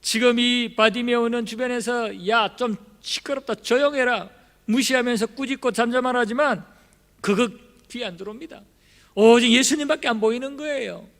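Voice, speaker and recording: A man preaching a passionate sermon in a church sanctuary, swinging between hushed and loud. His voice is very high with a gravelly fry. The church hall gives it a long reverb. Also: fairly quick. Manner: impassioned, emphatic, swinging between soft and loud. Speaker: pastor.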